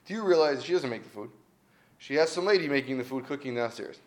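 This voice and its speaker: A man's voice: medium pitch, lively intonation, fast talker, close to an everyday voice. A man quoting an urgent old rabbi. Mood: urgent scolding. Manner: urgent, pleading, scolding.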